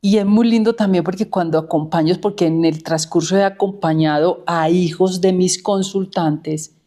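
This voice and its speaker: A woman's voice: lowish voice, fairly even intonation, normal speed. Middle-aged woman telling her story. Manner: warm anecdotal, repeats words for emphasis. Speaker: therapist. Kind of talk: personal storytelling.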